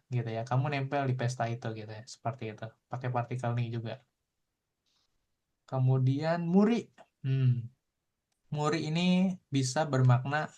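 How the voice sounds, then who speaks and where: A man explains vocabulary to his class in an easygoing, repetitive manner. He keeps returning to the same tag phrases as he goes. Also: mid-range voice. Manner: relaxed, repeats tag phrases while explaining. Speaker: Japanese language teacher.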